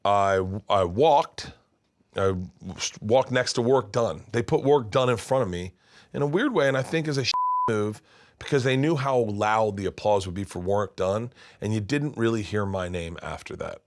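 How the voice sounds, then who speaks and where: A comedian in his fifties telling stories as an interview guest, animated and swinging between loud and hushed. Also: lowish voice, normal speed. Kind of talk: candid storytelling in conversation. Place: his studio.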